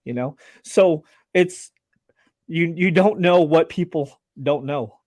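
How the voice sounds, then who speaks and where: A man guesting on a live-streamed interview, sharing business advice in an earnest, animated way with frequent restarts over a video call. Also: fairly high pitch, slow pace, dry recording. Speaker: guest, laser business owner.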